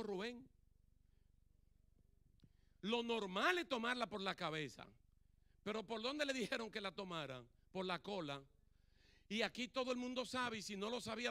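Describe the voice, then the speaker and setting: A man's voice: high-pitched, animated, normal speed, bright, forceful tone. A male pastor preaching a sermon in a church, acting out Bible dialogue and putting questions to the congregation. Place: church sanctuary.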